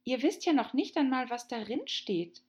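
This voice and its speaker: A fearless young girl in a storybook who says plainly what she thinks, as a woman reader puts her on. Her voice sits higher and brighter than the narration. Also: animated, moderate pace, lo-fi sound. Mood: blunt. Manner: blunt, matter-of-fact. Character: bold, outspoken young girl.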